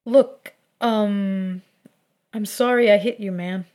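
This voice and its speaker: A brash, warm-hearted young man, once an athlete, voiced by a woman narrating a story. He blurts things out loudly and eagerly. The delivery is slow and unhurried. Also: medium pitch, steady tone, lightly acted.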